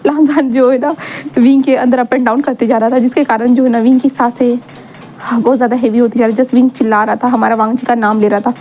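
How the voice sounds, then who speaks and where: Fast, high-voiced woman storyteller. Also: little pitch movement, warm tone, slight background noise. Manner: chatty, rambling, self-correcting. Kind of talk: casual story narration.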